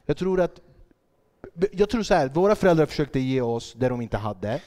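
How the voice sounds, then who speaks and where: Comedian hosting a podcast, jokey, keeps asking stuff. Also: male voice, on the high side, big pitch swings, mellow. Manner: joking, plays out quotes, asks probing questions. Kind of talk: casual chat.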